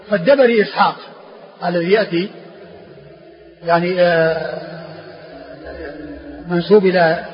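A man teaching a classical text, slowly repeating words and spelling out letters as he explains. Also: high-pitched. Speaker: teacher of hadith sciences. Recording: dull lo-fi recording with faint hiss.

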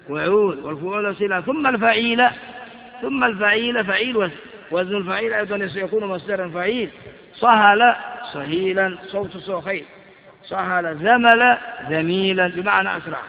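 In a high, gravelly voice, a man gives an Arabic grammar lesson on verbal noun patterns, reciting patterns and examples and quizzing his listeners. The recording is dull, with a long hall reverb.

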